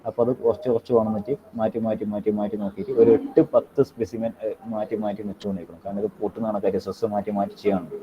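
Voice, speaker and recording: Guy teacher on an online class call, talks fast, keeps asking if students get it, dull muffled audio. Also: on the low side, noisy background. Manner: mixes Malayalam explanation with slow dictated English notes; repetitive, checks in with students often.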